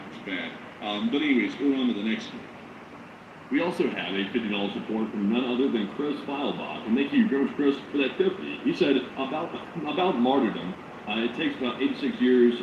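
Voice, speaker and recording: A man from the United States with a radio-announcer-like voice, chatting casually as he co-hosts a live news stream. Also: fairly low pitch. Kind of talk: casual livestream chat and reading supporter messages. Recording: roomy, dull lo-fi, clear background noise.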